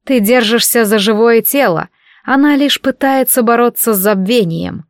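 A woman reading the part of a fiery red-haired goddess in an audiobook, with a slow, drawn-out delivery. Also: on the high side, no room sound, clean studio sound, natural voice. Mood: stern. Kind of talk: audiobook narration.

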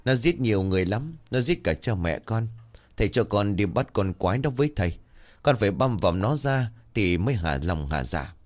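A man's voice: fairly low pitch, big pitch swings, normal speed. A man voicing a simple, earnest young village servant who pleads and grieves. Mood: pleading. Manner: pleading, eager.

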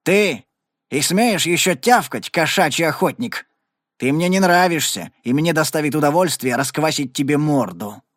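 Male reader doing a giant saloon bully: hoarse, bellowing, threatening. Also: a little high, very animated, unhurried, hardly any pauses, a bit bright, no room sound, clean studio sound, heavily acted. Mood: contemptuous. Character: huge brutish male thug, loud and bullying.

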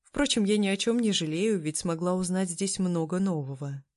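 An audiobook narrator reading a first-person story in a steady, even way. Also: medium pitch, moderate pace.

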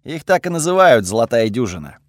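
A man voicing a snarky, sharp-tongued male god spirit in an audiobook, curt and sarcastic, with a lively swinging pitch and a dry close sound. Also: fairly quick, no echo, natural voice. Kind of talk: audiobook character voice.

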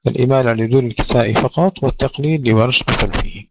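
A man's voice: medium pitch, fast talker. A man teaching Quran recitation rules, carefully demonstrating how each sound should be pronounced. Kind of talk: tajweed lesson with recited examples. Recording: dull lo-fi dry recording.

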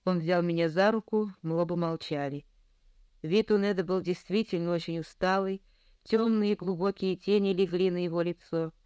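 A woman's voice: lowish voice, fairly even intonation, moderate pace, mellow, smooth, no echo. A woman narrating a first-person novel in an earnest, reflective manner. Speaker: audiobook reader.

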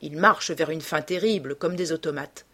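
A woman narrating a classic novel as an audiobook in a slow, measured way. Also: low-pitched, sharp tone, husky.

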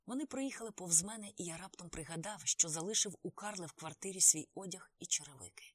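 Brief: woman audiobook narrator, steady first-person storytelling, lowish voice, dry close sound. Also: fast talker, breathy edge, no room sound. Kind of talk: scripted narration.

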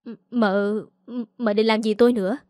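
Brief: a woman voicing a whining young housemaid in a storybook reading, raised pitch, stammering and pleading. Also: fairly even intonation, moderate pace, a little mellow, no echo, clean studio sound, close to an everyday voice. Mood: panicked pleading. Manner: stammering, whining when scared. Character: young female maid, scheming and pleading.

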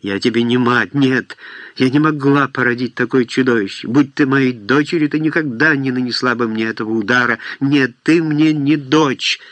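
A man reading aloud voices a proud older noblewoman who scolds her daughter with stern, scornful shouting. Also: mid-range voice, measured pace, dry recording, natural voice. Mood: furious.

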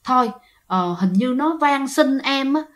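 Woman as a gentle middle-aged wife in a spoken ghost story, hesitant and pleading. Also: sits high, lively intonation, measured pace. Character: worried middle-aged wife, soft-hearted.

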